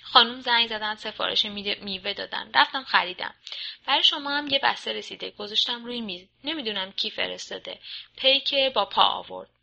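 A woman's voice: medium pitch, vocal fry, bright, forceful tone, heavily acted. A woman voicing a fussy, grumbling old male office servant in a storybook reading.

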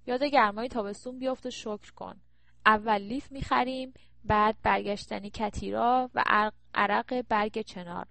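A woman narrator voicing a brisk, practical woman coaxing her friend along in an audiobook. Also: mid-range voice, steady tone, creaky, fairly bright tone, dry recording.

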